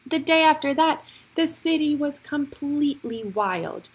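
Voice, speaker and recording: Her voice sitting high, a woman reads a picture book aloud for young children. She tells the story expressively and with deliberate phrasing.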